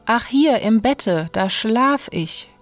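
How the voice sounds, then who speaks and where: A woman's voice: a little high, animated, slow, dry recording, faint music behind. A woman voicing magic talking drops of blood that give light, homely answers in a storybook. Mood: innocent.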